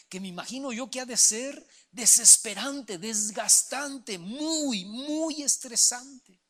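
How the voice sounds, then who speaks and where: A man's voice: high-pitched, bright, forceful tone. A man preaching a sermon as pastor, emphatic and direct, often calling his listeners brother. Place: church.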